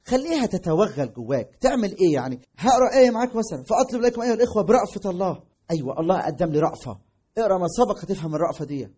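Fast, husky Egyptian preacher. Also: male voice, high-pitched. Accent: Egyptian Arabic. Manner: emphatic, swings between loud stresses and drawn-out words. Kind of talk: sermon.

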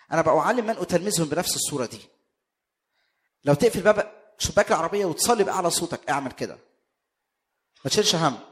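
Egyptian male preacher, raised pitch, emphatic sermon delivery with rhetorical questions. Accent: Egyptian Arabic. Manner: emphatic, rising to loud bursts, rhetorical questions.

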